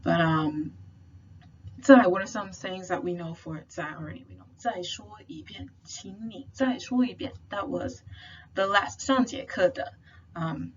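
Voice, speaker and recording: Young woman, tutor, casual chatty explaining, slightly dull recording. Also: fairly low pitch. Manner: chatty, explains with lots of fillers and slang. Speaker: Chinese language tutor. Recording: slightly dull sound with faint noise.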